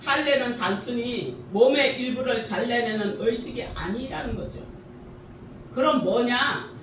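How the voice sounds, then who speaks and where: A woman's voice: a little high, a little slow, a bit bright, a little hiss or hum. A middle-aged woman preaching a sermon with many rhetorical questions and frequent laughter, heard from a distance in a church sanctuary. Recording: echoey church hall from a distance.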